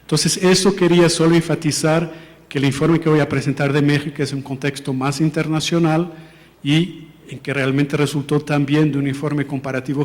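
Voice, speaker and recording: A Portuguese man with a mid-range voice formally presents an education policy report to an audience in a hall. He is careful and hesitant, using frequent fillers and correcting himself. The large hall adds a long reverb.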